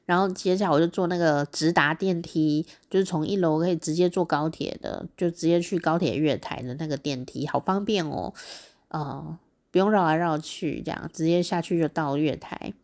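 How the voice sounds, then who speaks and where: A woman with a Taiwanese Mandarin accent telling a casual diary story, chatty and excitable, laughing often. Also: low-pitched, normal speed. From Taichung, Taiwan. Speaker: diary podcast host.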